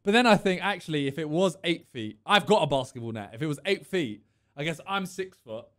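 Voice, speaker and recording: A young man streaming from a neon-lit gaming room, reacting to a quiz video with casual, chatty commentary, laughing often and exclaiming loudly. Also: fairly high pitch, expressive, a little fast. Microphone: studio mic on boom arm with headphones.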